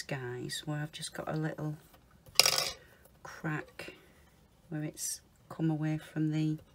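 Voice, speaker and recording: A woman talking viewers through a polymer clay project, chatting casually, calling them guys and murmuring softly to herself as she works. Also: deep voice. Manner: chatty, often calls viewers guys, mutters softly to herself while working. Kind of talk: casual crafting tutorial.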